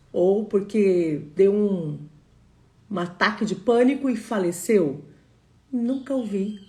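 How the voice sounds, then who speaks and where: A woman's voice: medium pitch, dark tone. A woman giving a live online motivational talk in a conversational way, often checking in with a tag question, recorded in an echoey room. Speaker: motivational speaker.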